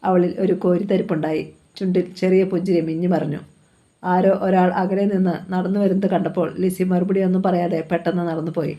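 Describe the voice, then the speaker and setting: A woman reads a novel aloud in a steady storytelling manner. Her voice sits low and mellow, with very little rise and fall in pitch. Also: fairly quick, highs cut off. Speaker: narrator. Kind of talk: novel reading.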